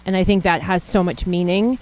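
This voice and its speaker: A woman's voice: fairly low pitch, fairly even intonation, brisk, a little mellow, rough recording. A woman speaking as a guest co-host in an upbeat conversational style.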